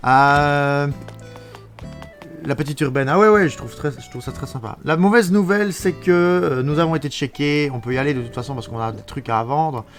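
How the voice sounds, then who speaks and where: A man's voice: medium pitch, moderate pace, faint music behind. A man with a Belgian French accent from Wallonia, chatting live with viewers while playing a game. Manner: chatty, answers viewers, thinks aloud. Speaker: streamer.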